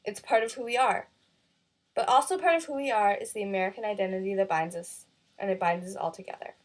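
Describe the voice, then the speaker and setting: A woman's voice: medium pitch, fast talker, slight background noise. Earnest teenage girl, school essay. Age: teens. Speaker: student. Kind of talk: reflective school video essay.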